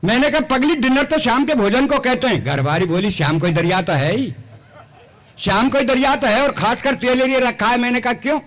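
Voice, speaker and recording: Older male comic poet, very high voice, folksy stage storyteller. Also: a little fast, fairly bright tone. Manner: folksy, punchline-driven, voices quoted characters.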